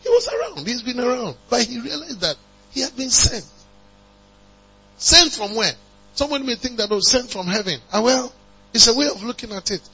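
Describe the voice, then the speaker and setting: A man preaching a sermon, calling on the congregation to respond and building to emphatic high passages. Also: sing-song, moderate pace, vocal fry, bright, forceful tone, breathy edge. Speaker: pastor. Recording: dull lo-fi recording with mains hum.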